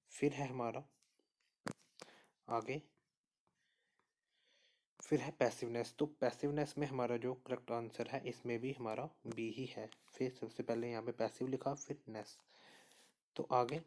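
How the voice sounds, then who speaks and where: Male teacher, mid-pitched, steady and patient, talks through each answer and repeats the key points. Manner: steady explainer, repeats answers and says "okay" often. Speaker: exam prep teacher. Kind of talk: spoken lesson walking through quiz answers.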